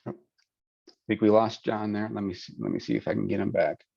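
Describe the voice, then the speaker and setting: A man with a very deep voice moderates a webinar over a dry, dull video call. He talks in a relaxed, folksy way, full of fillers. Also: brisk, vocal fry, breathy edge, no room sound. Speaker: webinar moderator and project lead.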